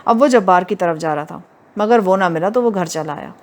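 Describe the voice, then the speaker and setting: A woman narrating an audio novel in a steady, even reading voice. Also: on the low side. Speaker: audiobook reader.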